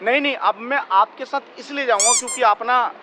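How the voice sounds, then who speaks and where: A man's voice: extremely high pitch, a little fast, noisy background. Pushy young man pleading in a street prank. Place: outdoor street in the evening.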